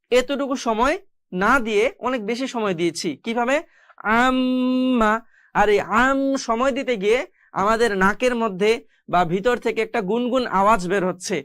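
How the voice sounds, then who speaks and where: A woman's voice: on the high side, dry recording, studio quality. A woman teaching Quran recitation, who spells out each letter and then holds the nasal sounds long. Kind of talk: step-by-step spoken lesson.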